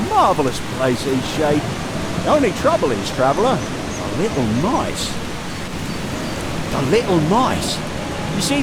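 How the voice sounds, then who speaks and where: Chirpy cheerful game villager, sing-song,, wildly varied pitch, loud hiss. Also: male voice, heavily acted. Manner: gushing, sing-song, friendly. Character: chirpy cheerful animal-folk gardener in a game. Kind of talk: video game dialogue.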